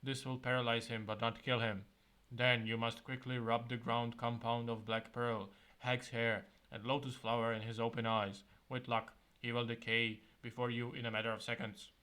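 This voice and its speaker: A man reading as a calm, stern old wizard. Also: mid-range voice, clean tone, natural voice. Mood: calm, grave. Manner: calm, measured and solemn. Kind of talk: reading a gamebook aloud.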